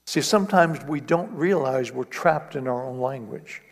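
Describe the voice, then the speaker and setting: A man from East Africa preaches a sermon earnestly, building up to emphatic repetition. His voice is mid-range and his pace normal, and a hall's long reverb surrounds the recording.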